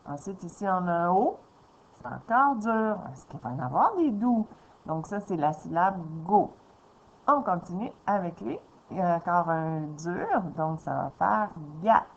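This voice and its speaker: A woman, a teacher walking a young child through a reading lesson slowly and patiently, step by step. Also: fairly low pitch, slight background noise. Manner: slow, patient, explaining step by step. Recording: dull lo-fi sound with faint ambience.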